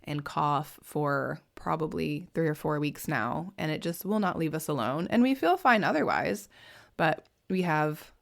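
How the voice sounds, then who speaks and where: Soft-spoken woman hosting a podcast. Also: sits low, animated, gravelly. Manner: soft, unhurried, reassuring. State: hoarse after a cold. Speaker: podcast host and mentor. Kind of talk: gentle podcast monologue.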